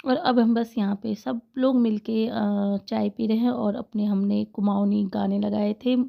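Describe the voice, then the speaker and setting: A woman's voice: mid-range voice, steady tone, unhurried, gravelly, dull audio. A woman in her thirties narrating a casual family vlog voice-over, chatty and often laughing as she talks to her viewers. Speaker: vlogger.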